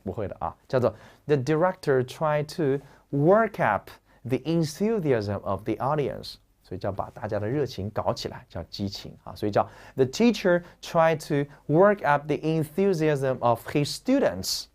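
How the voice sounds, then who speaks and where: A man teaching English vocabulary in a lecture, explaining in a lively, joking, slangy way. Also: mid-range voice, a little slow.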